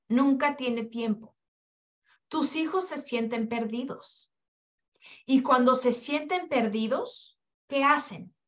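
High-voiced woman coaching mothers. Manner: preachy, rhetorical questions, acts out quoted lines. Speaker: podcast host and parenting coach. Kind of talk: motivational monologue. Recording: dull lo-fi podcast audio.

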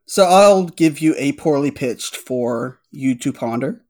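A man co-hosting a casual podcast, playful and quick to laugh. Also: mid-range voice, animated, darkish tone. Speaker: podcast co-host.

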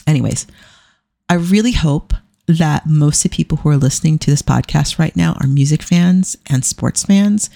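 A woman's voice: low-pitched, moderate pace, vocal fry, warm tone, no echo. A middle-aged woman hosting a casual solo podcast, stumbling a little over her words with a dry mouth, irreverent and self-deprecating. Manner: stumbling, mumbling articulation. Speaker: podcast host.

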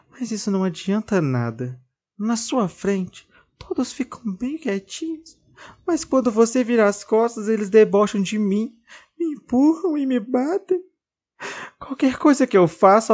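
A narrator voicing a shy, sad boy doll who sobs softly and hesitates as he speaks. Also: mid-range voice, very animated, drawn-out words, hardly any pauses, pitched above the performer's own voice. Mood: choroso. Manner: fala baixinha e chorosa, hesitante. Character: boneco menino tímido, triste e chorão.

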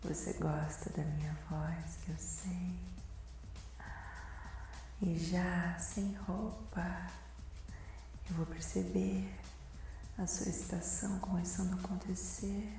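A Brazilian woman performs an ASMR role-play, very close, as if right in your ear. Her delivery is breathy, sensual and very slow, with a dark, soft tone. The voice swims in heavy echo over music. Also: lowish voice. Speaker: host of an erotic audio podcast. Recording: very echoey voice over faint music.

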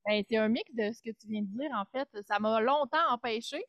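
A woman's voice: fairly high pitch, brisk, dry recording, highs cut off. A woman from Quebec with a Québécois French accent, chatting casually as a podcast guest from her home studio, full of fillers. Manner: chatty, many fillers, laughs easily. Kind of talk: casual interview chat.

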